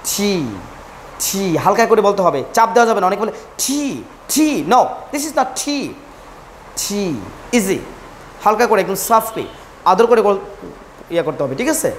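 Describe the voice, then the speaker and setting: A woman's voice: mid-range voice, expressive, fast talker, a little hiss or hum. A woman teaching English pronunciation, repeating each letter sound and correcting common mistakes. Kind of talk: pronunciation lesson, drilling letters.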